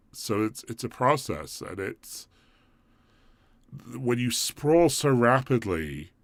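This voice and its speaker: An English man from England hosts a live stream, chatting casually and thinking aloud in a rambling, conversational way. His voice is lowish, creaky, and a bit bright, captured in a dry recording.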